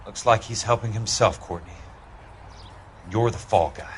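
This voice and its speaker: An actor playing a blunt, sardonic American war-veteran investigator in a hard-boiled crime game. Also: male voice, lowish voice, moderate pace, slight background noise, close to an everyday voice. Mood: grim, blunt.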